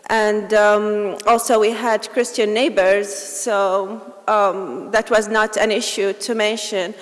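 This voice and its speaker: A woman from Iraq with an Iraqi accent, giving a personal talk as a guest speaker, halting and full of "um" fillers and restarts. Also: medium pitch, level tone. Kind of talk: personal testimony speech. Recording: long reverb of a large hall.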